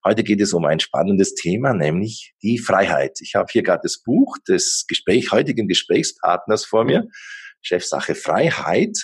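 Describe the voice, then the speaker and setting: A man's voice: deep voice, sing-song, moderate pace, slightly rough. A middle-aged man hosting an interview podcast, talking hesitantly with many fillers and restarts. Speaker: podcast host.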